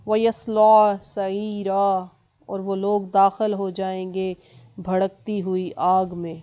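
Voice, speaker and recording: A woman's voice: medium pitch, flat delivery. Woman reciting and explaining scripture, lo-fi. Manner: recites in Arabic, then translates and explains slowly. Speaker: Quran teacher. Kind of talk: reciting verses and explaining them.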